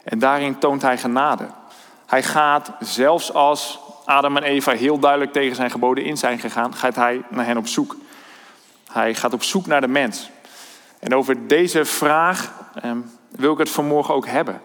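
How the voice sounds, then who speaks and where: A man preaching a sermon, thoughtful and hesitant, often pausing on fillers and restarting his sentences. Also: mid-range voice, steady tone, a bit bright. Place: church hall. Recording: long church-hall reverb.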